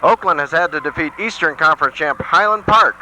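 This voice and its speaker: A man's voice: fairly high pitch, a little fast. A man, a local sportscaster, introducing a game and interviewing the coach in a polished announcer manner, heard on old worn tape. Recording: hissy worn 1980s videotape.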